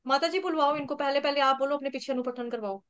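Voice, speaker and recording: A woman's voice: high voice, quick pace, fairly bright tone, dull audio. A woman teaching an online class, spelling out syllables one by one and chanting verse lines for students to repeat. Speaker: scripture recitation teacher.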